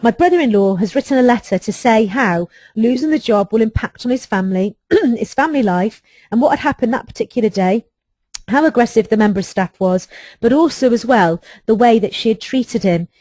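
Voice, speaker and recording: A woman's voice: on the high side, expressive, a little fast, mellow, no room sound. A middle-aged woman, an HR trainer giving a webinar, recounting a workplace case in an earnest, emphatic way. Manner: earnest, emphatic storytelling with rhetorical questions.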